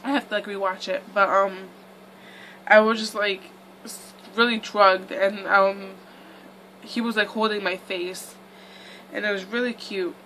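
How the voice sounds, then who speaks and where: A young woman chats through her storytime, rambling and filling gaps with "like" and "um". Her voice is bright and clear, with a faint background hum. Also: mid-range voice, fairly even intonation, a little slow, long pauses, poor audio. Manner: chatty, rambling, lots of "like" and "um". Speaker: vlogger. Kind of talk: casual storytime.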